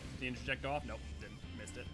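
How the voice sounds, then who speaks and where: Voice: mid-range voice, fairly even intonation, racing, loud music behind the voice. A streamer who does character voices, chatting casually while playing a game. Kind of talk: casual game livestream chat.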